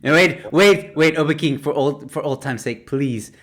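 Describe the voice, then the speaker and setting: A man's voice: a little high, moderate pace. Man hosting and reading headlines. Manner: reads headlines aloud, then riffs. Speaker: host. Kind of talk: casual comedy panel chat.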